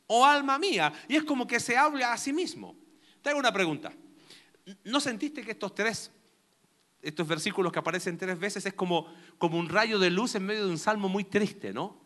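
A man's voice: high voice, lively intonation, moderate pace, bright, forceful tone. A young man preaching a sermon in a conversational way, asking his listeners many questions. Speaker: pastor.

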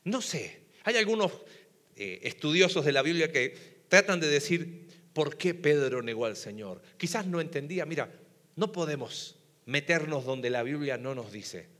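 A man's voice: on the high side, lively intonation, a little slow, fairly bright tone. A man preaching a sermon to a congregation, talking conversationally and putting questions to the audience. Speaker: pastor. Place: church hall before a congregation. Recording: long hall reverb.

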